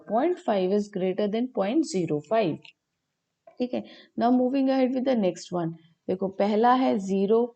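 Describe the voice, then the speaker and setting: A woman's voice: medium pitch, vocal fry, mellow. A woman teaching maths in an online video call class, checking in with "okay" after nearly every step and answering her own questions. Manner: repeats "ठीक है" often, mixes Hindi and English, asks and answers her own questions.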